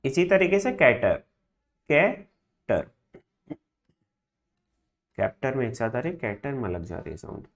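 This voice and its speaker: A man teaching a shorthand class who says each word slowly and more than once, and often stops with a quick question to check that the students are following. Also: mid-range voice, big pitch swings, gravelly. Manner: drills words by repeating them slowly, checks understanding with frequent tag questions. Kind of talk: classroom lesson.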